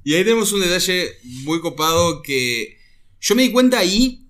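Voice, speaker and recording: Code-switching Rioplatense man, high-ish voice. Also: animated, moderate pace, a bit bright. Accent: Rioplatense Spanish. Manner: switches freely between Spanish and English. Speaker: stream co-host. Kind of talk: casual chat.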